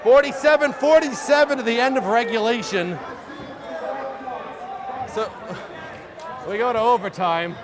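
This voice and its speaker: A man in his thirties doing play-by-play for a high school basketball game, excited and short of breath, shouting at the big plays. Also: a little slow, long pauses. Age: 30s. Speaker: play-by-play announcer. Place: school gymnasium. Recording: crowd noise in a gym. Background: loud cheering crowd.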